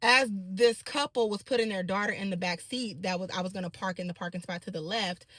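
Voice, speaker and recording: A woman in her thirties telling viewers a personal story in a casual, animated way, talking straight to her audience. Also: mid-range voice, fairly quick, no echo. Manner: animated, direct address to the audience.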